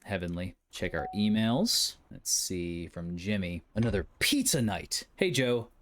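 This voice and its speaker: A man's voice: low voice, lively intonation, a little slow, a bit bright, a little hiss or hum. A man casually commenting on a game as he plays, joking and muttering to himself. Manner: jokey, mutters to himself while playing. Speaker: let's player.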